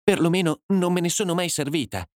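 A man's voice: a little high, brisk, dry recording, clean studio sound, voice pushed up, natural voice. A man voicing a desperate woman accused of poisoning her husband, in a breathless, defiant voice.

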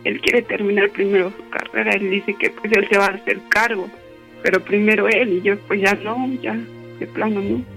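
Man playing a tearful young woman, hesitant, pleading, very high, bright voice. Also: flat delivery, moderate pace, vocal fry, faint music behind, full character voice. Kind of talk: radio prank call role-play.

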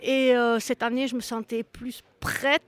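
A professional poker player from southern France whose accent has a Spanish tinge, answering interview questions with many hesitations. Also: female voice, fairly high pitch, level tone, measured pace. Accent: southern French with a Spanish tinge. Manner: hesitant, many fillers, light laughs.

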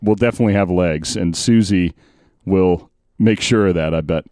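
A man co-hosting a casual sports podcast, chatting and reading out race stats quickly. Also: sits low, mellow, no room sound, clean studio sound. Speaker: podcast co-host.

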